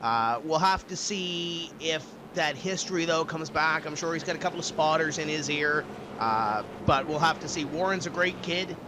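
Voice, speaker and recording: Male color commentator for an online race stream, relaxed and rambling, higher voice, clear hiss on the line. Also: normal speed. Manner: casual, with frequent uh fillers and restarts. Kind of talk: sim racing commentary.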